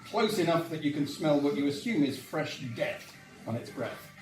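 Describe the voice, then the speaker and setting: A man's voice: on the high side, lively intonation, normal speed. A man reading a choose-your-own-adventure story aloud with playful emphasis, recorded from a distance in a roomy space with faint music. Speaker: volunteer reader.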